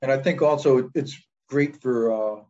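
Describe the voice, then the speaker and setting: A man presenting a nomination and answering questions, hesitant and laughing softly between thoughts. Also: medium pitch, measured pace, dull audio. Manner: hesitant, frequent soft laughs.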